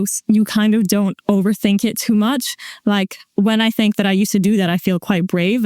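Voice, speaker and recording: Smooth-voiced woman podcast co-host from Greece. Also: mid-range voice, a little mellow, dry recording, clean studio sound. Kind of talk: casual podcast chat.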